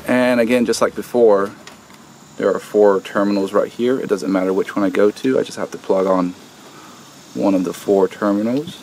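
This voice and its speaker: A man with a fairly low voice walks through a hands-on repair outdoors, pausing often on "uh" and "um" as he works. He talks casually, as if to a viewer beside him. A faint hum of outdoor noise sits under his voice. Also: a little mellow. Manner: hesitant, many "uh" and "um" fillers, explains step by step while working. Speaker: DIY video host. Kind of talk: casual how-to explanation. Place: outdoors at an air conditioner unit.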